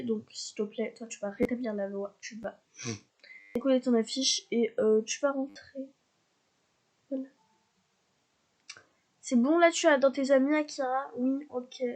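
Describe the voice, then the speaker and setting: High-voiced woman chatting over gameplay. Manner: chatty, excitable, talks to her game characters. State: sniffly from a cold. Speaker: gameplay commentator. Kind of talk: casual let's-play commentary.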